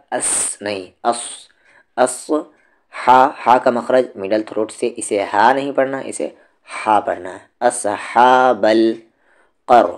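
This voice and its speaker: A man teaching Quranic pronunciation. He explains slowly and patiently, then says each word again to show how it should sound. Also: on the low side, a little mellow. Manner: slow, patient, repeats each word to demonstrate it. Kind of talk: tajweed lesson, explaining and demonstrating pronunciation.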